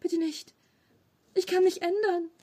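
A woman's voice: very high-pitched, fairly even intonation, unhurried, mellow, pitched above the performer's own voice. A woman voicing a frightened young boy who stammers and pleads through tears. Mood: pleading. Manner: stammering, tearful. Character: young boy bully, terrified and weeping.

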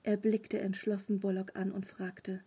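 Breathy woman reading a children's story. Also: mid-range voice, flat delivery, unhurried. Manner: hushed, often whispered. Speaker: audiobook reader. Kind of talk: children's audiobook narration.

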